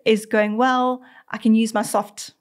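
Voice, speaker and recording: This veterinarian guest on a podcast speaks with a South African accent, her voice slightly high, level and unhurried. Explaining cat behaviour conversationally, she often talks as the cat in first person and keeps restarting her sentences.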